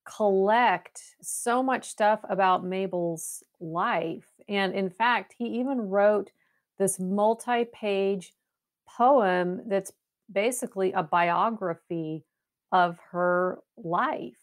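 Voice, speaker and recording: A woman's voice: medium pitch, takes it slowly. Enthusiastic West Coast woman guest. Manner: enthusiastic, laughs often, repeats words while thinking. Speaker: guest, paranormal investigator. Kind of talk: casual interview talk.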